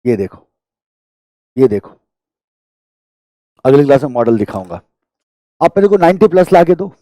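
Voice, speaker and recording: Male Indian lecturer, chatty storyteller, mellow voice, dry close recording. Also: mid-range voice, dry recording. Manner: chatty storytelling, mixing Hindi with English phrases. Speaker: teacher. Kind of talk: online class lecture with anecdotes. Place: online class recording.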